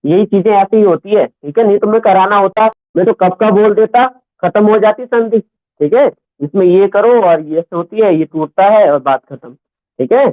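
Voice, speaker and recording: A man's voice: high-pitched, normal speed, no echo. A man teaching Hindi grammar, dictating words one by one and repeating each, often checking with his students. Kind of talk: dictation lesson. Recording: tinny phone-like, dry sound.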